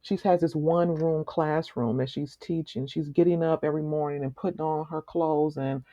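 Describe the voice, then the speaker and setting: Woman author guest, mellow, earnest, meditative delivery; lo-fi muffled audio. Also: low voice, steady tone, no echo. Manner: slow, meditative, earnest with soft laughs. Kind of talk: reflective conversation. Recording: slightly muffled lo-fi recording.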